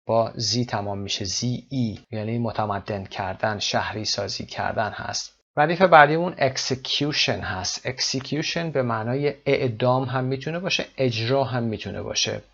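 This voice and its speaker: A man's voice: medium pitch, creaky, few pauses, fairly bright tone, dull audio. A man teaching an English lesson, explaining words and mixing English terms into his explanations, with some fillers.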